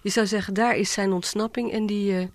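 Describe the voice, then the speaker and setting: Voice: medium pitch, steady tone, brisk, no room sound. An interviewer, thoughtfully talking through a book with its author. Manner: thoughtful, conversational.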